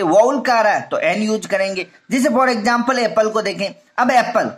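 A man's voice: very high voice, a bit bright. Male teacher explaining grammar. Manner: explains step by step, repeats points, asks and answers his own questions. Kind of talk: grammar lesson.

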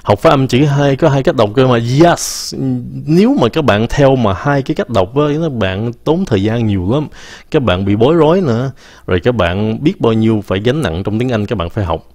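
A man giving a casual live-streamed English pronunciation lesson, stopping to say words slowly and mixing English phrases into his talk. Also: medium pitch, lively intonation, a little mellow, no room sound, studio quality.

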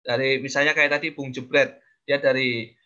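A man giving casual public speaking advice in a webinar, explaining with frequent fillers and pauses. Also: mid-range voice, level tone, pushed and bright. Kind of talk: webinar coaching talk. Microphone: video call. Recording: dull lo-fi video call audio.

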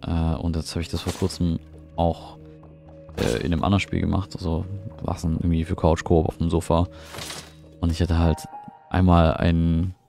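A middle-aged man streams a game from home, chatting casually in a low, creaky voice with a dark tone. He rambles through his live commentary, answers his chat, and often sounds puzzled while faint game music plays behind him.

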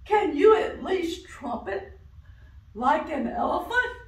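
A woman voicing a bossy male elephant who lectures in a loud, sing-song way. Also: very high voice, expressive, slow pace, pitched above the performer's own voice, full character voice. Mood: huffy. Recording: roomy, from a distance.

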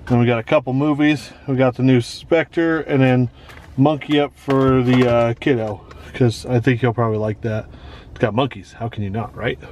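A man's voice: mid-range voice, fairly even intonation, moderate pace, a little mellow, a little hiss or hum. A middle-aged American man narrating a casual vlog in a folksy, lightly joking way. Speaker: vlogger.

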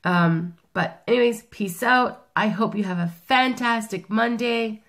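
Her voice is fairly high, a bit bright and a little slow, though rough because she's ill. A middle-aged vlogger whose native language is Italian, she rambles chattily through a tag video on a webcam in a small room, fixing her words as she speaks.

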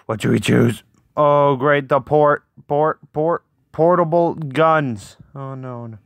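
Male gameplay host, clear and very slow-paced, casual, reactive, repetitive phrasing. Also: on the high side, dry recording. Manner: excitable, repeats short phrases. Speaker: gaming video host.

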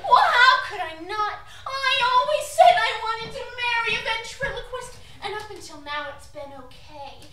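A woman's voice: very high voice, expressive, moderate pace, hardly any pauses, pushed and bright, recorded from a distance, full character voice. A woman playing a sugary, theatrical, expectant wife in a stage comedy sketch. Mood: gushing. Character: gushing, expectant wife with a menacing streak. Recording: echoey theatre from afar.

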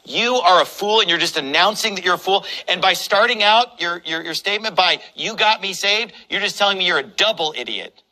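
A man's voice: sits high, expressive, brisk, bright, forceful tone, rough recording. A man pastor preaching a sermon in a combative, mocking, emphatic way.

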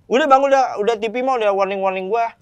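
A young man chatting as a guest comedian, joking and slangy as he talks. His voice sits fairly high and he rattles through his lines with a casual ease. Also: fast talker, smooth, dry recording, lo-fi sound. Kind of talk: casual chat.

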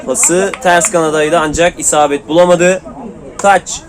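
A man's voice: a little high, steady tone, unhurried. A man giving live play-by-play commentary on an amateur football match, calling out player names in short clipped bursts. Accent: Turkish.

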